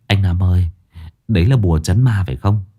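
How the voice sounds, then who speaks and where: A man's voice: low voice, a little fast, mellow, breathy edge. A man voicing a timid, frightened young man who stammers and whines. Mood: frightened pleading. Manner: stammering, whining.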